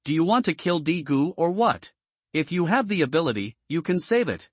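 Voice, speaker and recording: A normally gentle young woman snaps out rapid, protective scolding in a comic story recap, read by a man in his narrating voice. The voice runs a little high with a lively rise and fall, and the sound is dry and close. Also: no room sound.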